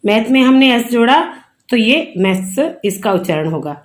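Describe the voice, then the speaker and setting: A woman's voice: a little high, lively intonation, moderate pace. A woman teacher explains English plurals patiently, spelling out each word letter by letter. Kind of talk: online English grammar lesson.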